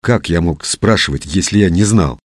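A man's voice: sits low, moderate pace, dry recording, clean studio sound. A man voicing a curious, bickering young man in an audiobook, wry and sometimes indignant.

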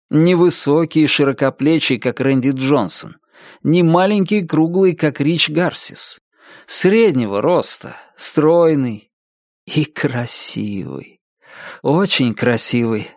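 A man reading an audiobook aloud, expressive and pacing the tension. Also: fairly high pitch, creaky, dry recording, clean studio sound. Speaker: narrator.

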